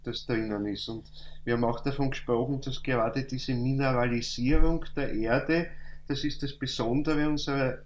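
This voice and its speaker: A man giving a calm, thoughtful spoken lecture, reciting verse slowly at times. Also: medium pitch, dull audio. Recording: echoey room, faint hum.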